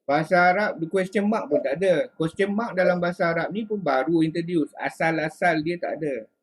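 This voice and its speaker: A man with a Malaysian Malay accent, tutoring Arabic in a relaxed, casual chat and saying "ha" often. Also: a little high, a little fast, slightly rough, poor audio.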